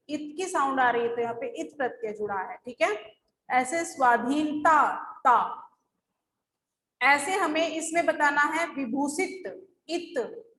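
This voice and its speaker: Woman teacher, high voice, patient step-by-step explaining, echoey room with faint hum. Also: a bit bright. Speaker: school teacher. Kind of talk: recorded class lesson.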